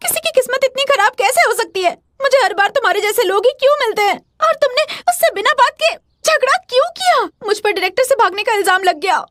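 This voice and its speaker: A woman's voice: extremely high pitch, expressive, very fast, hardly any pauses, bright, forceful tone, no echo, clean studio sound, full character voice. An actress dubbing an earnest, persistent teenage schoolgirl who serves as class vice monitor. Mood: exasperated. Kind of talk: Hindi drama dub.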